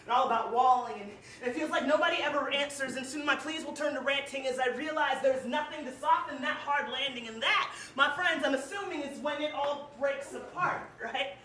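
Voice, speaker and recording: Heard from afar in the echoing space of a small live music venue, a young Cleveland woman recites spoken word poetry with emotion, emphasis and plenty of "like"s. Her high, bright voice moves quickly with few pauses and has a forceful edge. There's slight background noise.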